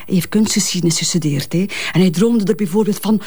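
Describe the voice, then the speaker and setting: Playing a protective mother in mourning for a Flemish crime drama, this actress talks fast in a husky, darkish voice that sits on the low side. Her halting, colloquial West Flemish repeats words, and her mood is wistful and fond.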